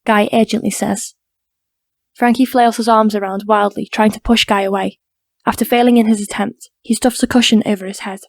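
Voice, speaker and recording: A woman narrating an audiobook crime drama in a steady, even reading voice. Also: medium pitch, moderate pace, no echo. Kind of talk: scripted narration.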